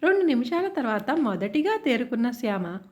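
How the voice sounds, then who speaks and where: A woman narrating a romantic family story in an expressive storytelling manner. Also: on the high side, fairly quick.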